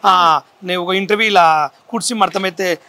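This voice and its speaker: A man in an interview, accusing and complaining in a quick, agitated way. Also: high-pitched, pushed and bright.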